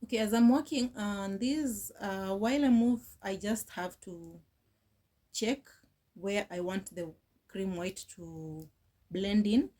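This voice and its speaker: A woman giving a relaxed crochet tutorial, talking slowly with frequent hesitations as she counts rows. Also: medium pitch. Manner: slow, hesitant, with many fillers, counting rows aloud. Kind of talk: casual tutorial instruction.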